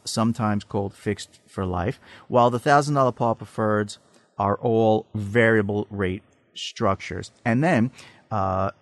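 A man with a fairly low voice gives technical market commentary as an analyst. He explains in a measured, somewhat hesitant way, and the studio sound is dry. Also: dry recording. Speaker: financial research analyst guest.

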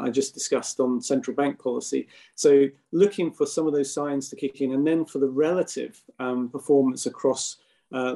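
Mellow, even-toned man explaining as a guest. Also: medium pitch, gravelly. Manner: hesitant, measured explaining with long winding sentences. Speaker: guest investment expert. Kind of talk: podcast interview commentary.

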